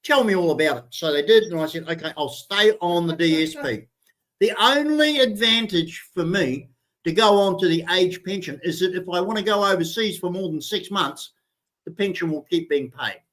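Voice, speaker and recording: Casting note: Kiwi man in his sixties, high-pitched, blunt and sweary, casual co-host chatter. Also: expressive, moderate pace, fairly bright tone. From New Zealand. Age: 60s. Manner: blunt, sweary, stumbling restarts. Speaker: show co-host. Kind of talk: casual chat.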